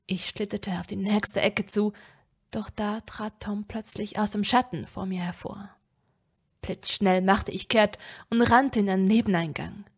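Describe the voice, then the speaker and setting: A woman narrating a fan fiction story in the first person, dropping to a hushed whisper at tense moments. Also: mid-range voice, fairly even intonation, measured pace, husky. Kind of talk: dramatic audiobook reading of fan fiction.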